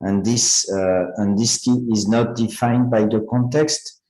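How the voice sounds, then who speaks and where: A man in a video meeting, asking a question in a halting way with many fillers and restarts while he is losing his voice. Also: fairly low pitch, steady tone, warm tone, roomy sound, rough recording. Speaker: meeting participant.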